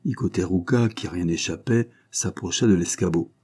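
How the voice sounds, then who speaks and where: A man reading a novel aloud as an audiobook narrator, in a measured, even storytelling manner. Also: sits low, husky. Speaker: audiobook reader.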